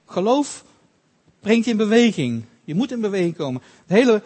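A high-voiced man preaches a sermon in a space with long, echoing reverb. He is earnest and halting, often restarting phrases and slowing for quoted scripture. He sounds very animated, a little mellow, with a breathy edge.

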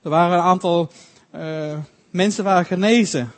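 In a room with a long, echoing reverb, a man with a high voice delivers a sermon. His earnest speech is halting, full of restarted phrases, and it slows down whenever he quotes scripture.

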